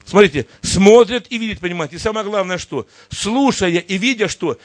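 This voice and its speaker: A man's voice: sits high, lively intonation, moderate pace, no echo. A man preaching a sermon with emphatic, repetitive appeals to his listeners. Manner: emphatic, repeats "understand, look" constantly. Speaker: pastor.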